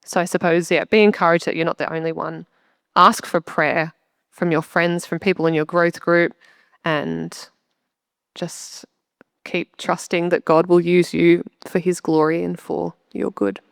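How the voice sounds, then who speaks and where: A woman's voice: on the low side, flat delivery, unhurried, vocal fry, clean tone, no room sound, clean studio sound. A young woman sharing a heartfelt testimony in a church interview, chatty and earnest. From Australia. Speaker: church member interviewed on stage.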